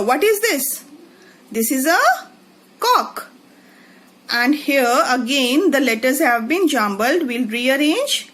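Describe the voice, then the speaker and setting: A woman's voice: high-pitched, a bit bright. A woman teaching young children the alphabet, in a sing-song voice, spelling words out letter by letter. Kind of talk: children's lesson, mixing English and Hindi.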